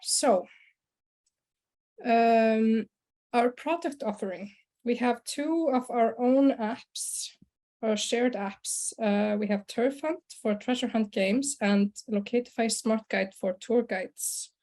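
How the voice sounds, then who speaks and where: A young woman from Iceland giving a conference presentation over a video call, relaxed, with many fillers and throat clearing. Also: on the high side, slow pace. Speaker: conference presenter, sales and marketing director. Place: small room indoors.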